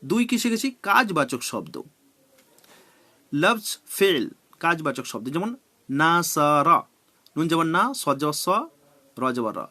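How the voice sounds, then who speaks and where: A man with a Bengali accent, teaching a class and spelling out Arabic words letter by letter in slow, deliberate drills. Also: on the high side, sharp tone.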